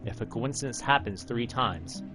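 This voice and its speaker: Game music plays as a thirtysomething American man from Alaska delivers a dramatic, narrating read-aloud of a visual novel. He speaks in a mid-range voice at a moderate pace.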